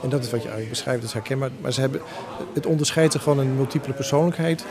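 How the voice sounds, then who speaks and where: A man's voice: mid-range voice, a crowd in the background. A man explaining psychiatric ideas as an expert guest. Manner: explaining, rapid. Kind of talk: explanatory interview talk.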